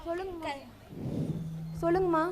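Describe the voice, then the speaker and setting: A woman's voice: very high voice, flat delivery, moderate pace. A girl playing a wailing grief-stricken queen mother. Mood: pleading. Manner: wailing lament, sobbing. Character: grieving queen mother Chandramathi. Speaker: school student actor.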